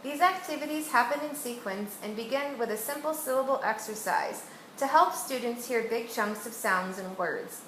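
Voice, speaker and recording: A woman teacher demonstrating a reading lesson with a student, saying each word slowly and deliberately to model its sounds. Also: fairly high pitch, a bit bright. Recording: echoey room with faint noise.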